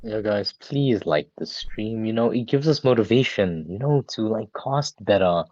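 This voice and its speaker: A man's voice: lowish voice, lively intonation, moderate pace, mellow, dry recording, lo-fi sound. A man co-commentating a game casually, with an informal, conversational delivery that often repeats phrases. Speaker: esports co-commentator. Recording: faintly noisy stream mic with clicks.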